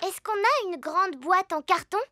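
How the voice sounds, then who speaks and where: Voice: extremely high pitch, unhurried, heavy background noise. A performer voicing Peppa, a cheerful, bossy little girl pig, in a dubbed cartoon. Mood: eager. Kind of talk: cartoon dubbing.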